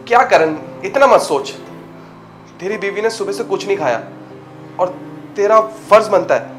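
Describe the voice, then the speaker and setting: An actor playing a gentle, devoted husband who works as a security guard, speaking softly and earnestly. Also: male voice, sits high, lightly acted. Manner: soft, earnest, coaxing. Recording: clear background music.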